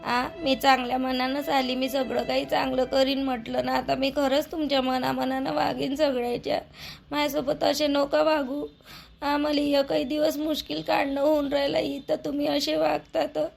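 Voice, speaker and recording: A woman playing a meek, hurt young daughter-in-law who pleads tearfully, with a gravelly edge. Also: sits high, level tone, moderate pace, soft background music. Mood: pleading. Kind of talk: village family drama acting.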